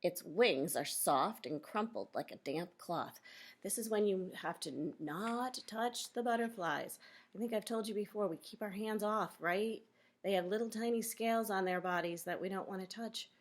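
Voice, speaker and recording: Reading a nonfiction book to children, a teacher with a mid-range voice stops now and then to explain and ask her young audience questions.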